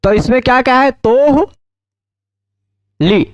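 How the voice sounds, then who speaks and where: A man teaching Sanskrit grammar in a lecture, often asking his students check questions and repeating terms slowly. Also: sits high, expressive, dry recording, highs cut off. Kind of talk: explanatory lecture.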